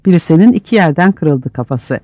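A man narrating an audiobook with vivid, expressive reading. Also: fairly high pitch, fairly quick, no room sound, lo-fi sound. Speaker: audiobook reader.

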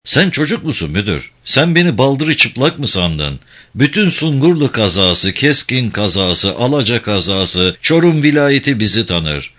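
A proud, elderly notable, played by a reader, haughty and defiant in a spoken story. He sounds bright and lively, with a lot of rise and fall. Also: medium pitch, a little slow. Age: older. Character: proud elderly local notable, stubborn and threatening.

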